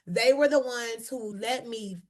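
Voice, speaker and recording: A woman comedian and actor telling stories as an interview guest, bold and energetic in her delivery. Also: fairly high pitch, measured pace. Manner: bold, energetic, emotional at times. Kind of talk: animated interview storytelling.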